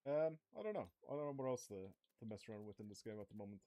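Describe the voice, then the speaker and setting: Talking fast to his stream audience over a racing game, a young man rambles and swears without restraint, at one point saying his voice is starting to go. His voice is fairly low, mellow and lively in intonation. There's no echo.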